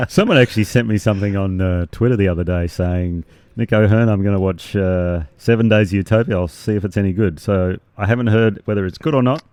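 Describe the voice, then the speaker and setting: An Australian man with a lowish voice chats about golf as a podcast co-host, relaxed and quick to laugh. His delivery stays easygoing throughout. The recording is dry and close, with no room echo. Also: clear, resonant tone. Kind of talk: casual golf banter. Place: golf club lounge.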